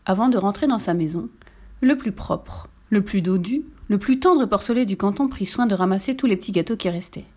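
A woman reading a children's storybook aloud, gentle and expressive. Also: mid-range voice, brisk.

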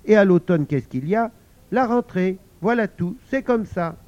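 A man voicing a sensible, bossy little girl who coaxes and scolds her mother gently, in a storybook reading. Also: high-pitched, animated, moderate pace, dry recording, pitched above the performer's own voice. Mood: coaxing. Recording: dull lo-fi recording.

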